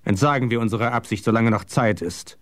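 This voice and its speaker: A man's voice: medium pitch, brisk, no echo, studio quality, close to an everyday voice. Man doing a bitter, weary conspirator. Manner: bitter, mocking.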